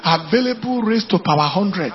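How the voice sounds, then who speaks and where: Sitting high in pitch with lively intonation, a man with a Nigerian accent preaches at a moderate pace. He tells anecdotes and declaims to a congregation, pressing each point through emphatic repetition in an animated sermon. The recording is muffled, with slight background noise.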